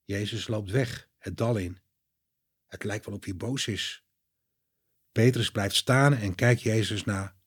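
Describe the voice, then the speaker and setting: A man reading a children's Bible story aloud with expressive narration. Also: lowish voice, slow, long pauses, breathy edge.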